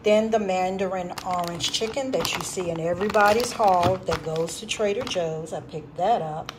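Unhurried, chatty woman, slightly low-pitched, recorded at a home table with audible background noise. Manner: unhurried, chatty, restarts and corrects herself. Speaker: vlogger showing a grocery haul. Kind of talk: casual chat.

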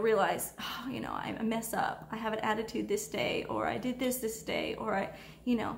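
Soft-spoken young woman, echoey room. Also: mid-range voice. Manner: soft-spoken, hesitant, many fillers. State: tearful at times. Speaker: vlogger sharing testimony. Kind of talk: personal faith testimony. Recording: echoey room with faint ambient noise.

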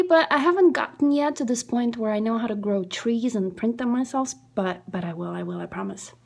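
Filming herself at home in a small room with a phone or webcam near her face, a Russian-accented indie writer and vlogger in her thirties talks to camera in a mid-range voice. It's a silly, theatrical, casual vlog, sliding between hushed whispers and excited squeals.

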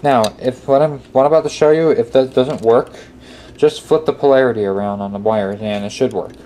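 At an indoor workbench, a man gives a casual, hands-on, step-by-step tutorial, repeating himself often as he instructs. His mid-range voice is a little fast with a dark tone, captured in a clearly noisy amateur room recording with clear background noise.

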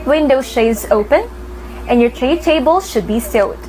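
A woman's voice: high-pitched, lively intonation, a little slow, warm tone, rough recording. A young woman with a Filipino accent giving a formal, scripted safety announcement as a flight attendant. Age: young adult. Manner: formal, clearly phrased flight attendant delivery.

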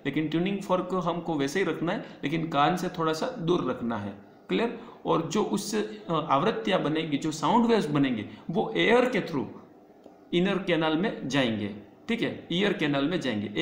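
A man giving a nursing class lecture in Hindi, switching into slow, halting English lines and checking in with his students. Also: a little high. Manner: explains in Hindi mixed with English, halting English lines, keeps asking "okay?". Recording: echoey room, faint noise.

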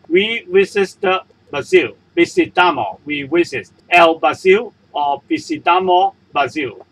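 Slow, husky man with a Hong Kong accent. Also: fairly high pitch, a bit bright, rough recording. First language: Cantonese. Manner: slow, repeats each example sentence and translation. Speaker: Spanish language teacher. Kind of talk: slow explanatory lesson narration. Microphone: voice-over for screen-recorded slides.

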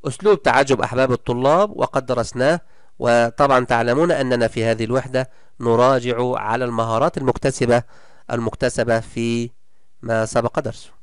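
A man's voice: medium pitch, fairly even intonation, smooth, dry recording, studio quality. Guy teaching a kids' class, super clean voice, cheering the students on, drags out the example words. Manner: encouraging, praises pupils often; stretches out example words slowly. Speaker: primary school teacher. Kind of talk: recorded online lesson.

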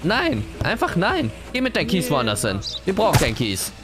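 Lively young man swearing over game music. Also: fairly high pitch, fairly quick. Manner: loud, swearing, mixing in English slang. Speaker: streamer. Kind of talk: casual gaming commentary.

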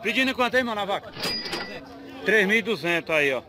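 A man's voice: high voice, expressive, a little fast. A man filming his casual walk through a cattle fair, chatting with sellers and repeating their prices for the camera. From Northeast Brazil. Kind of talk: casual on-the-spot video commentary. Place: outdoor cattle market with crowd. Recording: crowd noise outdoors.

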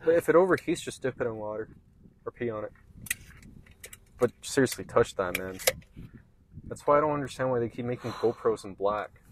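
A man's voice: mid-range voice, fairly quick, pauses often. Young canadian guy just chatting, laid back, says like a lot, bit of hiss. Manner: relaxed, rambling, says "like" and "man" a lot. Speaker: co-host. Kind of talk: casual chat.

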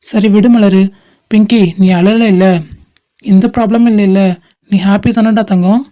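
A woman's voice: medium pitch, fairly even intonation, moderate pace, natural voice. A woman voicing an affectionate, protective older brother who teases and bosses his little sister. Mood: caring. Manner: warm, teasing, bossy.

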